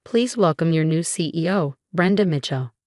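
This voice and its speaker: A woman voicing a cool, formal male chairman addressing a board, in a low, dry voice. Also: animated, normal speed, darkish tone, no echo.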